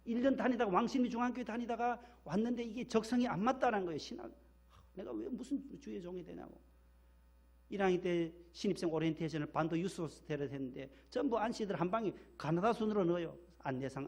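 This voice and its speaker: A man's voice: high voice, quick pace, hardly any pauses, darkish tone. A middle-aged man from South Korea's Gyeongsang region, a pastor preaching a sermon and telling folksy personal stories, repeating phrases for emphasis.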